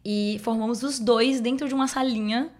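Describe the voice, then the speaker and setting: A woman's voice: fairly high pitch, steady tone, moderate pace, a little mellow. A young adult woman, telling her story informally in an interview and sprinkling in English medical terms. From Bahia, Brazil. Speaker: podcast guest, doctor.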